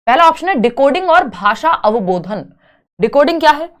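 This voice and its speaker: A woman's voice: sits high, very animated, normal speed. A woman teaching an online exam-prep lesson, explaining each option step by step with rhetorical questions and English terms mixed in. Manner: mixes English terms into Hindi.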